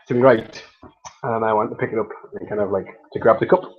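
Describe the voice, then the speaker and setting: A man's voice: lowish voice, fairly even intonation, normal speed, dull audio, a little hiss or hum. A man with a Mackem accent chatting on a live stream, rambling and self-amused, with lots of fillers and restarts. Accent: Mackem (Sunderland). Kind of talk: casual live-stream chat.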